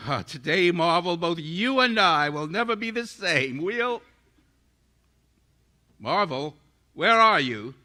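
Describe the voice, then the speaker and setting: A man's voice: sits high, animated, slow pace, pauses often, sharp tone, heavily acted. Man playing a piercing, grandiose Invisible Man. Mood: angry, vengeful. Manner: grandiose, menacing, theatrical. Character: ruthless, megalomaniac invisible man, scientist turned tyrant. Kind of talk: live audio theater performance.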